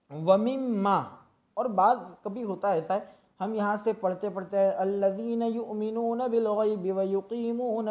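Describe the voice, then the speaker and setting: A teacher with a mellow, darkish voice walks through a Quran reading lesson, explaining each rule patiently. Syllables are stretched out slowly to show how they should sound. The recording is dull and lo-fi. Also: mid-range voice. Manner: patient and instructive, drawing out syllables to demonstrate. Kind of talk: tajweed lesson, explaining and slowly demonstrating recitation.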